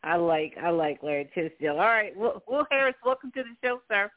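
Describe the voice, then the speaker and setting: A man's voice: sits high, animated, brisk, phone-quality sound. A man hosting a casual sports talk radio show, chatty and bantering as guests are brought in.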